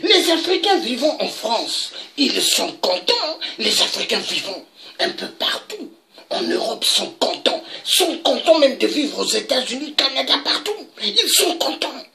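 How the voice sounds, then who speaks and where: Woman, political commentator: slow, indignant rant with a gravelly edge and sharp, high tone. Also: sing-song. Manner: emphatic, indignant, with dramatic pitch leaps. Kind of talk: impassioned political monologue.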